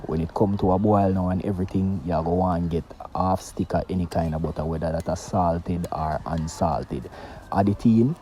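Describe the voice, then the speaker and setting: A man's voice: low voice, dark tone, a little hiss or hum. A Jamaican man hosting a casual cooking tutorial, chatty and patois-tinged, talking straight to his viewers. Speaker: cooking show host.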